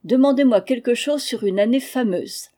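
A woman's voice: on the high side, normal speed, dark tone, pitched above the performer's own voice, lightly acted. A woman voicing a boastful, impatient young prince boy who speaks eagerly and a little petulantly.

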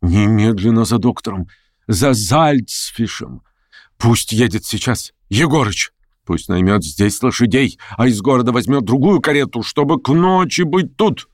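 A man voicing a hot-tempered, imperious older noblewoman who scolds and commands in shrill outbursts. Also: lively intonation, unhurried, no echo, studio quality. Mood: commanding.

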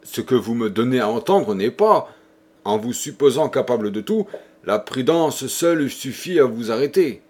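A man's voice: mid-range voice, expressive, moderate pace, a little mellow, slightly rough. A man reading an audiobook, voicing an anxious young man who is horrified and pleading. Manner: anxious, urgent.

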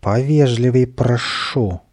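A man's voice: mid-range voice, expressive, normal speed, mellow. A man voicing a proud, noble male cat swordsman in a storybook reading, with a stern, gallant manner. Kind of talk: storybook character voice.

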